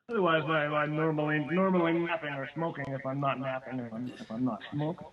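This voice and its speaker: A man's voice: a little high, fairly even intonation, fairly quick, lo-fi sound. A man chatting casually as a guest on a livestream. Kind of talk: casual chat.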